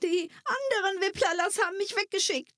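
A woman reading a story aloud, voicing a tiny, touchy male creature who squeaks indignantly and cries easily. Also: sharp tone, no room sound, clean studio sound. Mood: tearful. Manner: squeaky, indignant, quick when telling.

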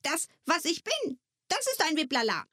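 A woman reading a story aloud, voicing a tiny, touchy male creature who squeaks indignantly and cries easily. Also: huge pitch swings, bright, forceful tone, no echo, clean studio sound, exaggerated voice. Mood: insistent. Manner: squeaky, indignant, quick when telling.

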